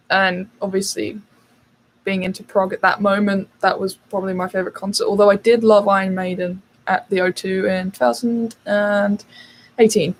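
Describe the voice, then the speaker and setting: A woman's voice: medium pitch, poor audio. A young British woman hosting a casual livestream, chatting and answering viewers' questions with lots of fillers. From United Kingdom. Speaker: channel host.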